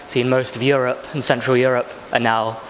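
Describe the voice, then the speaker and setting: A man's voice: medium pitch, little pitch movement, moderate pace, fairly bright tone. A man in his twenties from England, explaining his travels in articulate, flowing sentences. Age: 20s. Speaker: backpacker interviewee. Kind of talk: casual interview answers. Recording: long reverb with faint background noise.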